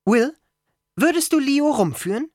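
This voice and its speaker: A reader raising the pitch for a confident teenage girl leader. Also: expressive, measured pace, a little mellow, no room sound, clean studio sound. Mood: firm. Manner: firm, reassuring, takes charge. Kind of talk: audiobook character voice.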